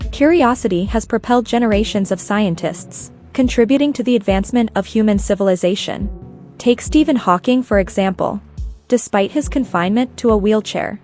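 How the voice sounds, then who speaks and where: A woman reading a scripted story narration at a steady, even pace. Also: medium pitch.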